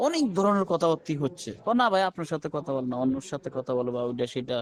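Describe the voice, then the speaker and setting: A man's voice: a little high, lively intonation, fast talker. A middle-aged man, rambling and pleading in a personal voice message, repeating himself.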